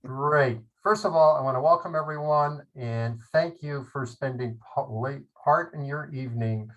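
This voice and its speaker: A man presenting an online webinar, opening in a measured, unhurried way. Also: medium pitch, highs cut off.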